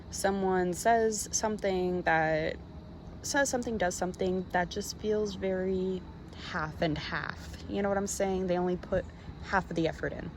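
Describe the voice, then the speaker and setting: A woman's voice: on the low side, a little mellow, slight background noise. A woman giving a casual, chatty tarot reading straight to the viewer, speaking informally with plenty of slang. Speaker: tarot card reader.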